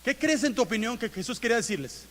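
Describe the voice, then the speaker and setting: Mexican pastor guy chatting through a sermon, voice kinda high, long church echo. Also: big pitch swings, fast, fairly bright tone, slight background noise. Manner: conversational, asks the congregation questions, acts out inner dialogue. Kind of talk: interactive sermon. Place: church auditorium. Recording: long church hall reverb.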